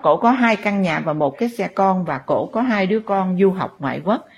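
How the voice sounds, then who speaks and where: A woman spiritual teacher, telling a story to her followers in a halting way with many fillers. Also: lowish voice, expressive, lo-fi sound, a little hiss or hum.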